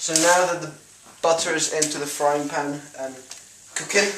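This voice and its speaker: Brief: Spanish-accented man, casual home cooking vlog, giggly and self-correcting, echoey kitchen with loud frying noise. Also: a little high, little pitch movement, normal speed. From Spain. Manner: rambling, giggly, corrects himself. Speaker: home cook presenting a recipe. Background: sizzling pan and stirring.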